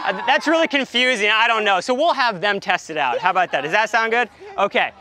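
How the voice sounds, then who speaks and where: A young man presents a science demonstration outdoors. His voice is high and bright, with very lively swings as he excitedly questions the group. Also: fast talker. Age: young adult. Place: outdoors, lawn in a courtyard.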